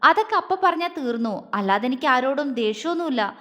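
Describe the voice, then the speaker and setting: A woman voicing a calm young man in a storybook audio drama, speaking gently and reassuringly. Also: high-pitched, fairly quick, long reverb tail.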